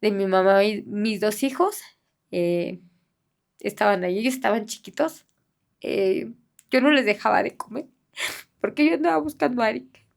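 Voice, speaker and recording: A middle-aged woman speaking in a halting, soft-spoken way, with many fillers and restarts, as a bereaved mother giving an interview. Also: mid-range voice, vocal fry. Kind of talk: personal testimony in an interview.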